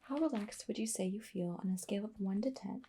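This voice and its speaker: A woman whispering softly through an ASMR roleplay, pausing often with fillers as she explains each trigger. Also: medium pitch, gravelly, slight background noise. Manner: soft whispering with frequent fillers. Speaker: ASMR artist.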